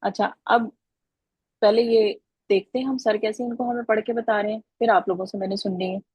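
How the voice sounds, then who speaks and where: A woman's voice: medium pitch, fairly even intonation, fairly quick, a little mellow, slightly rough, no room sound, poor audio. A woman teaching an Arabic grammar lesson online over a video call, patiently calling on students by name.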